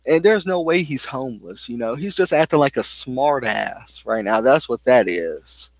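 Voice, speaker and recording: A man's voice: mid-range voice, lively intonation, normal speed. A young man pours out a long, heated rant straight to camera. His speech rambles and restarts, with plenty of "like" and "you know" as he circles back. The sound is dry and close, with no room echo. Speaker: vlogger. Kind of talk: casual venting monologue.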